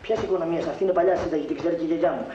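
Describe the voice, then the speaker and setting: A man's voice: a little high, fairly even intonation, dark tone, a little hiss or hum, natural voice. An actor playing a broke, wisecracking young man who dreams of getting rich, talking in glib jokes. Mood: cheeky. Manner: joking, glib, mock-Italian banter. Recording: dull, roomy 1960s film sound.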